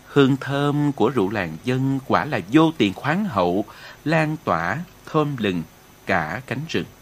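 A man reading an audiobook in a steady, even storytelling manner. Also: medium pitch. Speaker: audiobook narrator. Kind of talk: audiobook narration.

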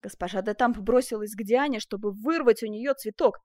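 A woman's voice: on the high side, a little fast, darkish tone, no room sound. Woman narrating a period novel, dry. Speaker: audiobook narrator. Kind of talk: scripted literary narration.

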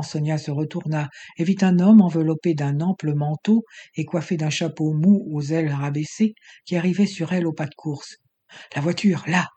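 A man reading an adventure novel aloud with steady, expressive pacing. His voice sits fairly high for a man, with a mellow, dark tone and a slightly husky texture. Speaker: audiobook narrator. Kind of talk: scripted narration of an adventure novel.

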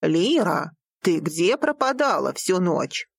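Woman doing a gravelly, scolding old father. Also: lowish voice, sing-song, dry recording, full character voice. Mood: worried. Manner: slow, heavy, scolding. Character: distraught stern father of a noble family. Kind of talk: audiobook character voice.

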